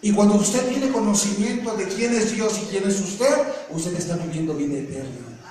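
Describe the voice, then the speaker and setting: High-voiced preacher shouting in an echoey hall. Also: male voice, moderate pace, music in the background. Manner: rhetorical questions, bursts of shouting, joking asides. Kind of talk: sermon. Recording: echoey hall from far off, faint noise.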